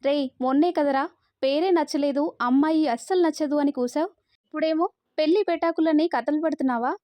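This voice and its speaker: A woman voicing a jealous young businesswoman who talks in a frantic, shouting way, in a storybook reading. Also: high voice, brisk, dry recording, natural voice. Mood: furious.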